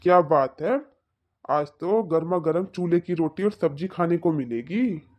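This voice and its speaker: A woman's voice: lowish voice, animated, measured pace, darkish tone. A woman voicing a meek older husband and father-in-law in a cartoon, mild and reproachful. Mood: teasing.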